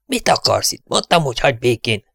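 A man voicing a crazed, vengeful outlaw father who speaks in a hoarse, hissing whisper with a wheezing throat voice, in an audiobook. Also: medium pitch, a bit bright, dry recording, clean studio sound, voice pushed up. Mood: menacing. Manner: menacing, cackling, barking.

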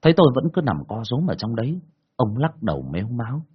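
A man telling a first-person ghost story in a colloquial, earthy, expressive way, in a dull lo-fi recording. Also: medium pitch, fast, slightly rough.

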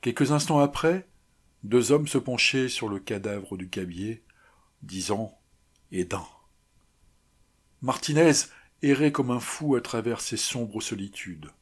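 A man's voice: mid-range voice, animated, unhurried, breathy edge. A man narrating a classic novella as an audiobook, reading dramatically with strong emphasis.

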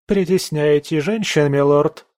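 A man's voice: fairly high pitch, unhurried, dry recording, studio quality, pitched above the performer's own voice, lightly acted. A man voicing a defiant, provocative young woman journalist in an audiobook, with a haughty, taunting manner. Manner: haughty, sharp-tongued, taunting. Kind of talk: audiobook character voice.

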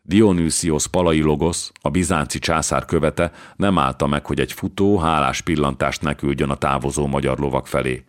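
A man narrating a historical novel as an audiobook in a measured, even way. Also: a bass voice.

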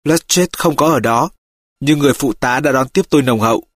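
A man reading an audiobook, voicing a calm, methodical male detective who reports his findings steadily. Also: medium pitch, a little fast, no echo, natural voice. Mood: measured.

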